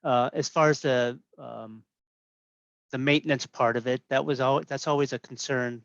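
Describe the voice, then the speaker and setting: A man's voice: medium pitch, steady tone, moderate pace, creaky, fairly bright tone, dry recording, lo-fi sound. A man on a training panel answering with many fillers and restarts, his video call audio glitching and cutting out. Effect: glitchy, dropping-out video call audio. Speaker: plan reviewer on a training panel.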